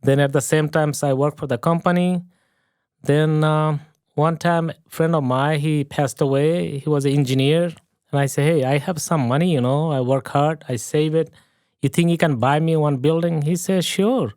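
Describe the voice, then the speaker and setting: A man's voice: a little high, steady tone, moderate pace, a little mellow, smooth, dry recording, studio quality. A middle-aged man from Bangladesh, a plumber and investor, telling his story in earnest broken English as a podcast guest. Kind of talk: casual interview chat.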